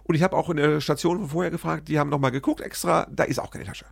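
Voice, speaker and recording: A man casually telling a story to his listeners, animated and self-deprecating, acting out both sides of the dialogue. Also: fairly high pitch, fast talker, gravelly, breathy edge, no room sound.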